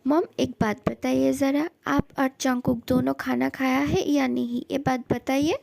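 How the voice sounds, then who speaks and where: A woman's voice: high voice, fairly even intonation, a little slow, vocal fry, a little mellow, dry recording, heavily acted. A woman voicing a devoted young adult son in a fan dub drama, pleading and repeating words for emphasis. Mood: coaxing.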